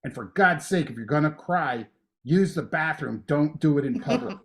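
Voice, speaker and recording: A man voicing a firm, matter-of-fact woman in grad school who reassures a nervous newcomer. Her lines sit a little higher than his usual voice and come out plain and encouraging, with no showy acting. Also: animated, moderate pace. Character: supportive older female grad student, blunt.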